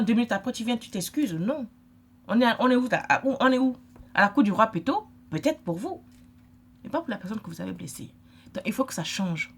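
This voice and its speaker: A woman's voice: mid-range voice, slight background noise. A middle-aged woman from Africa, giving an emphatic, lecturing vlog monologue and repeating her points. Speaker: vlogger.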